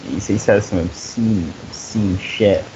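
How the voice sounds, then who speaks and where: A man's voice: on the low side, a little slow, mellow. A young man on a live stream, talking earnestly and profanely, stammering through restarts. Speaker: co-host. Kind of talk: casual chat on a live stream. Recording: dull lo-fi mic with hiss.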